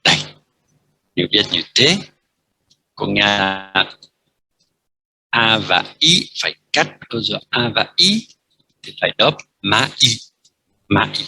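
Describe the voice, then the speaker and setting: A man with a Vietnamese accent teaching a French lesson, speaking slowly and repeating letters and words as he explains. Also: on the low side, big pitch swings, vocal fry, sharp tone, breathy edge, low-quality recording. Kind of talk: language lesson, explaining at a board.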